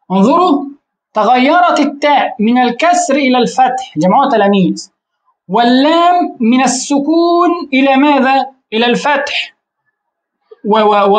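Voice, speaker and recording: A woman teaching an Arabic grammar lesson, often pausing to quiz her listeners with rhetorical questions and repeating words while she searches for the next one. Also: high voice, low-quality recording. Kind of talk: classroom-style grammar lesson.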